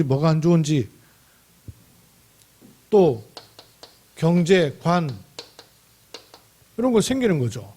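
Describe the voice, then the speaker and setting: A man's voice: high voice, a little mellow. A man preaching a Sunday sermon as pastor, emphatic and repetitive, stretching out key words. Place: church sanctuary.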